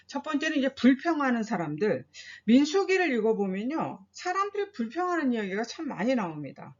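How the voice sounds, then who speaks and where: A woman's voice: on the high side, lo-fi sound. A woman pastor giving a Bible study lecture, asking her listeners questions and acting out quoted complaints and prayers. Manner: asks listeners rhetorical questions.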